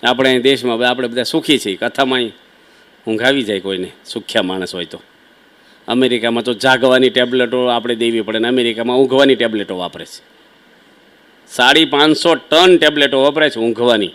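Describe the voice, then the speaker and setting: ગુજરાતી ઉચ્ચારવાળા એક પુરુષ સ્વામી, ઘરગથ્થુ વાતચીતની શૈલીમાં શ્રોતાઓને સંબોધીને ભક્તિભાવભર્યું પ્રવચન આપે છે. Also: male voice, medium pitch, brisk, fairly bright tone. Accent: Gujarati. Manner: conversational, folksy storytelling with asides to listeners. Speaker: swami preacher. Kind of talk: devotional sermon storytelling.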